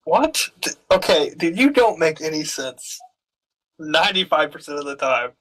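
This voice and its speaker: A man's voice: fairly high pitch, animated, moderate pace, fairly bright tone, poor audio. A man teasing his squadmates and laughing through casual voice chat while gaming.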